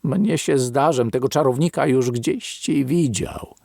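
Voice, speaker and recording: A man reading an audiobook, voicing an eager, curious young man who exclaims excitedly. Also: medium pitch, a little slow, creaky, no echo, studio quality, pitched above the performer's own voice.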